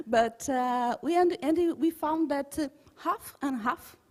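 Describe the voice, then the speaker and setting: A woman's voice: high-pitched, slow pace, darkish tone. A Brazilian woman around forty, a native Portuguese speaker, presents informally in accented English, hesitantly translating in her head and checking in with a questioning tag. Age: 30s to 40s. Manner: often ends statements with a checking "okay?". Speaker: conference presenter.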